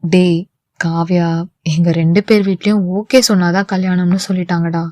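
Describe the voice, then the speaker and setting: A woman voicing a lovestruck young man in a lowered voice in an audio novel. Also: normal speed, no echo, clean studio sound, close to an everyday voice. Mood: dejected.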